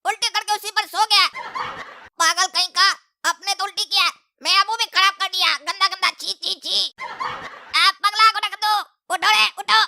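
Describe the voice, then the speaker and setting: A woman voicing a cheeky, mouthy young boy in a cartoon, talking in sarcastic rambles with frequent shouts and laughs. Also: very high-pitched, fairly even intonation, measured pace, vocal fry, exaggerated voice. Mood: disgusted.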